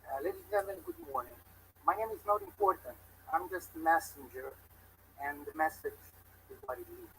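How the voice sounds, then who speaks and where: Guy at a podium, gravelly, pitch jumps all over, faint noise. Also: huge pitch swings, fairly quick, pushed and bright, low-quality recording. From Venezuela. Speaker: speaker at a public event. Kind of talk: public speech.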